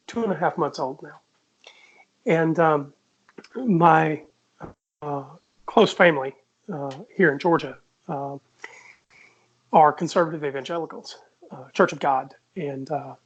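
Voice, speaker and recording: A man's voice: a little high, slightly rough. A man in his fifties, a podcast host telling a personal story in a reflective way. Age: 50s. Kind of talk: casual podcast discussion. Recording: muffled lo-fi audio.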